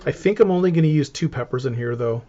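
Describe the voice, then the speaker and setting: On a live cooking stream, a Canadian man with a medium-pitched, warm voice chats fast and with lively intonation, explaining each step as he chops and preps. The stream audio is dull and lo-fi.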